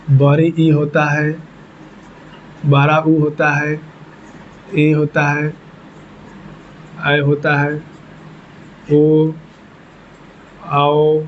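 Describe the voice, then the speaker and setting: A male teacher explains a lesson in a slightly high voice, going over each point more than once. He asks questions and answers them himself. The recording sounds muffled and lo-fi. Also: a little hiss or hum. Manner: repetitive, explains step by step, asks and answers his own questions. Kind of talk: classroom lesson. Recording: dull lo-fi recording.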